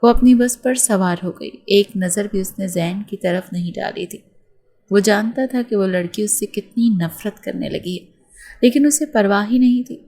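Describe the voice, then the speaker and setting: A woman narrating a romance novel aloud in a steady, dramatic storytelling manner. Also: mid-range voice.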